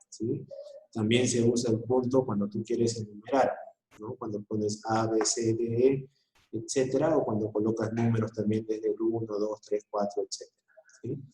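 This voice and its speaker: A man's voice: fairly low pitch, dark tone, echoey room, rough recording. A male school teacher giving a recorded online class, explaining patiently and often checking in with short questions.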